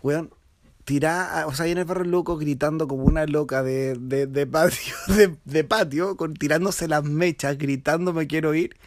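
A man's voice: a little high, steady tone, moderate pace, dry recording. Teasing young Chilean man. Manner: teasing, laughs a lot, interrupts. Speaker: podcast co-host. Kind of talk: casual chat.

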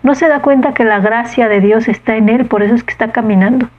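Woman preaching on a gospel passage, chatty, asks the listeners questions, a bit high voice, dull audio. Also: fast talker. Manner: warm, conversational, with frequent questions to listeners. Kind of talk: Gospel reflection.

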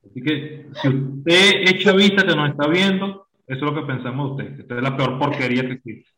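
A man's voice: fairly high pitch, brisk, sharp tone. Blunt Venezuelan man in an echoey room. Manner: blunt, crude jokes. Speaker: podcast co-host. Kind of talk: casual chat.

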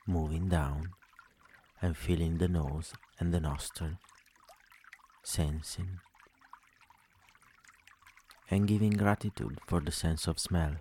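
Slow and soothing, a man with a very deep, dark, relaxed voice leads a sleep meditation, letting long silences fall between his phrases. Behind him is a faint noise resembling trickling water.

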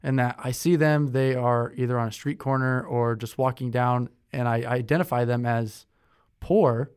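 A young man co-hosting a podcast, speaking at a mid pitch. He chats loosely, with lots of "like" and "um" and plenty of restarts. The recording is dry and close, with no room sound. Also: steady tone, normal speed, darkish tone, clear, resonant tone, dry recording. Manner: chatty, with many fillers and self-corrections. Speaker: podcast co-host. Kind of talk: casual conversational chat.

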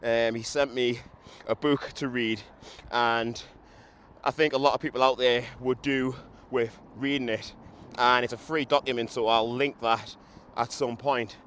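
A young podcaster, hungover and still slightly drunk after a run, vlogs while walking a street, blunt, sweary and self-deprecating. He talks at medium pitch, a little slow and a bit bright, with fairly even intonation. Handheld mic and camera catch noisy traffic around him.

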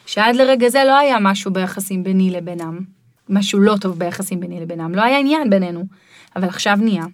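A middle-aged woman guiding parents in a podcast conversation, explaining in a lively way and sometimes mimicking children's voices. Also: medium pitch, dry recording. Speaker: parenting guide.

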